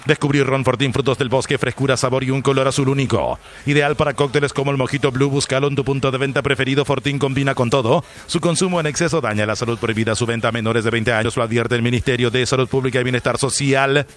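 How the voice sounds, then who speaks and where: A man's voice: medium pitch, steady tone, slight background noise. Polished male ad announcer. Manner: polished, salesy, slows for taglines. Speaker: commercial announcer. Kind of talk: scripted radio ad reads.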